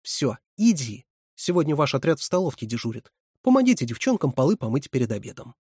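A woman's voice: a bass voice, big pitch swings, fairly quick, warm tone, husky, no room sound, studio quality, voice pushed up, exaggerated voice. A man doing a stern, bossy camp counselor woman. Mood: scolding. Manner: scolding, commanding.

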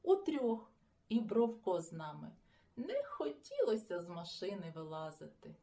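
A woman's voice: medium pitch, big pitch swings, unhurried, gravelly, dark tone. A woman voicing a sleepy, good-natured boy who drawls and grumbles, in a storybook reading. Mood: dreamy.

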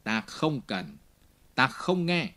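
A man's voice: mid-range voice, big pitch swings, slow pace, exaggerated voice. A man voicing a barking, brutal police inspector. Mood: harsh contemptuous. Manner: barking, contemptuous, shouting orders.

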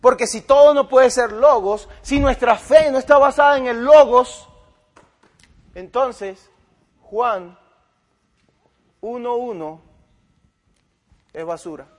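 A man's voice: extremely high pitch, takes it slowly, long pauses. A man preaching, retelling an argument with another pastor and quoting both sides of the dialogue. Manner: retells a debate with quoted dialogue, swinging from loud to quiet. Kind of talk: sermon-style storytelling.

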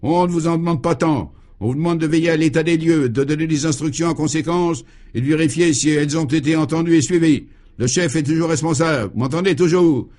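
A man's voice: on the high side, fairly quick, darkish tone, natural voice. A man voicing an irascible, blustering male governor in a radio play, bellowing in sputtering tirades. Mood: furious. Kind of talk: 1950s radio play acting.

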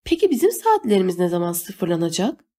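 A woman's voice: lowish voice, wildly swooping pitch, brisk, dark tone. A woman reading an audiobook voices a bitter gilled man with a raised, scornful voice. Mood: probing. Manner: scornful, accusing. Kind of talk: audiobook character voice.

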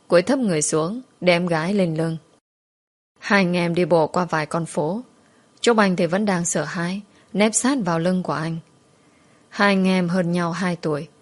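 A woman telling a story in steady, scripted narration. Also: lowish voice.

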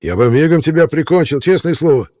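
A man voicing a gloating bearded hitman in an audiobook, speaking higher and louder than his narration with a dark, mellow tone. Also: brisk, lightly acted. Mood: panicked. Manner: gloating, then panicked pleading. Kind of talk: audiobook character reading.

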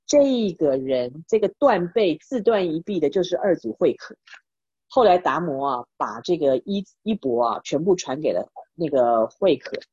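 A woman's voice: deep voice, a little mellow, slightly rough, dry recording. Give me a chatty woman teaching a Buddhist text through stories, in a dull, lo-fi recording. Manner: chatty, many fillers and restarts, addresses listeners. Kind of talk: casual storytelling lesson.

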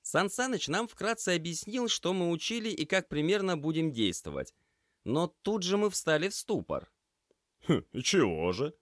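A man voicing a cheerful, energetic young male paramedic trainee who talks briskly and teases his friend. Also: on the high side, no echo, clean studio sound, pitched above the performer's own voice. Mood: businesslike. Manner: brisk, upbeat and teasing.

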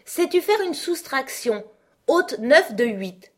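A woman's voice: sits high, big pitch swings, slow, a bit bright, voice pushed up, exaggerated voice. A woman reading an audiobook, voicing a bossy, stern queen who lectures in curt, scolding questions.

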